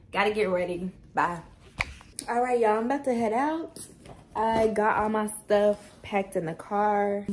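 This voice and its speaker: Young woman vlogging, bit raspy from the early morning, chatty and laughy, faint background hum. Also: medium pitch. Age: young adult. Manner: chatty, laughs often, talks straight to viewers. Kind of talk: casual vlog chat.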